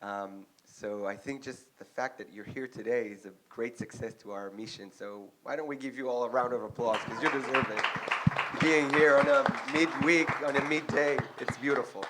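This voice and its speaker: Speaking at a medium pitch over heavy background noise, a young adult man from Israel addresses an audience earnestly on behalf of an agency. His Israeli accent is clear, and his delivery is full of ums and pauses.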